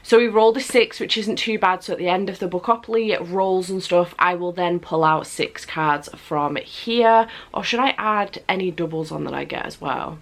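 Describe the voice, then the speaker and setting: A young woman with a cold and stuffy nose chats to the camera as a book vlogger, repeating words for emphasis. Her voice is lowish, her pace moderate, with few pauses. She's in a room at home while building work goes on nearby.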